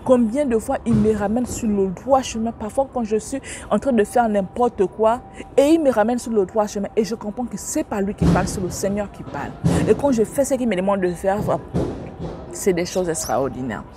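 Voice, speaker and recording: A woman telling a personal religious testimony to listeners, lively and expressive, acting out the dialogue as she recounts it. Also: a little fast, noisy background. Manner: animated, acts out dialogue with shifting pitch; religious exclamations, addresses listeners directly. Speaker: believer sharing a testimony.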